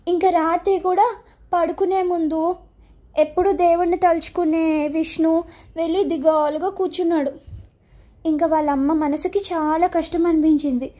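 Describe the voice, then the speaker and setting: A woman narrating a children's story in an unhurried, gentle way. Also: extremely high pitch, fairly even intonation.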